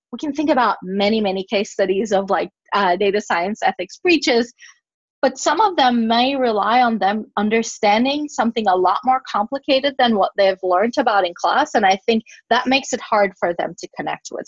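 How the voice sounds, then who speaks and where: A professor whose first language is Turkish gives a university teaching talk as a guest speaker over a video call, then answers questions in a webinar Q&A. Her fairly high voice is animated and moderately paced, and she explains with fillers, restarts, and self-corrections. The recording is dry and dull.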